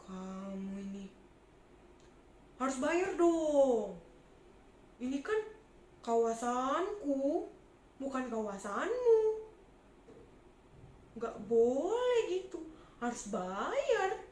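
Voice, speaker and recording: A woman's voice: high voice, sing-song, extremely slow, pauses often, a little mellow, reverberant, a little hiss or hum, exaggerated voice. Woman playing a greedy bossy tax collector. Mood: bossy demanding. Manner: demanding, scolding.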